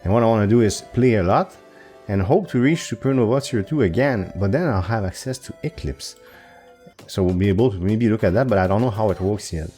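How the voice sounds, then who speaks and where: A man's voice: on the low side, lively intonation, fairly quick, mellow, soft background music. A man hosting his own gaming channel, thinking aloud over gameplay with hesitant fillers and self-corrections. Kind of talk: casual gameplay commentary. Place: home recording setup.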